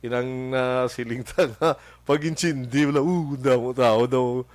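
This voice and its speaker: A man hosting a local radio show with a Hiligaynon accent, chatting casually and greeting listeners by name, halting with many fillers and chuckles. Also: medium pitch, fairly even intonation. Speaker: radio host. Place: radio studio.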